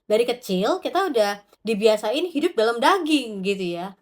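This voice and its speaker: A woman preaching a devotional sermon to her congregation, animated and talking straight to the listeners, acting out little quoted prayers along the way. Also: on the high side, moderate pace.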